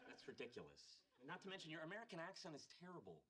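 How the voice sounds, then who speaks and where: An actor playing a wisecracking male engineer who tells gossip in a sarcastic, animated way. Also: a little high, fast talker. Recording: noisy sitcom audio played back.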